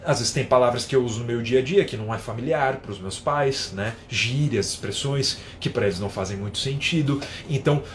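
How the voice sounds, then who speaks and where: A man teaching in a live online lesson, explaining with everyday examples and often adding a quick tag question. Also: mid-range voice, a little hiss or hum. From São Paulo, Brazil. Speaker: English teacher.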